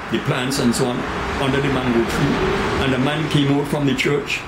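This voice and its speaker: Very old Tobagonian man in an echoey room. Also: medium pitch. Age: 90s. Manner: deliberate, earnest, phrase-by-phrase delivery with pauses. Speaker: interviewee recalling his life. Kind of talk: oral history storytelling with scripture quotes. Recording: echoey room with faint background noise.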